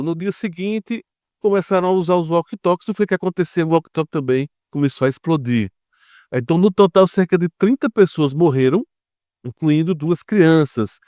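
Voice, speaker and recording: A geopolitics commentator from Brazil talks in a somewhat high, slightly mellow voice, captured dry at studio quality. In Brazilian Portuguese he gives relaxed, explanatory commentary, conversational in feel, regularly posing rhetorical questions and adding short check-in tags.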